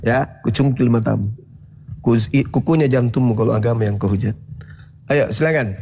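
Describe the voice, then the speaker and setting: A man's voice: medium pitch, normal speed, creaky, dark tone, a little hiss or hum. A man arguing religion in a heated live debate, mocking and provocative with laughing jabs.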